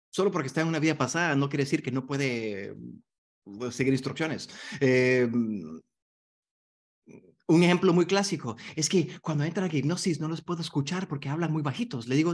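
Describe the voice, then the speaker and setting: A man's voice: fairly high pitch, husky. A man teaching a hypnotherapy masterclass online, in a conversational way that keeps checking in with the class. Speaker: hypnotherapy instructor.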